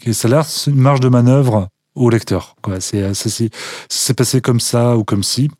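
A man talks as a guest on a relaxed radio interview, recorded in a dry, close studio. His voice sits at an ordinary pitch. He speaks with enthusiasm but hesitates often, filling the gaps with fillers. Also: moderate pace, no room sound.

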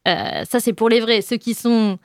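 A young woman delivering a comic chronicle in a chatty, self-mocking way, full of quick asides to her listeners. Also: on the high side, dry recording, clean studio sound. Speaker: radio columnist. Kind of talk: comic monologue column.

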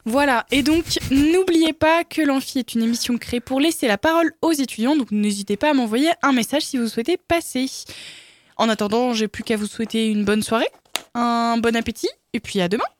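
A woman's voice: a little high, fairly quick, no room sound. A young woman hosting a live student radio show, chatting along with fillers and little laughs.

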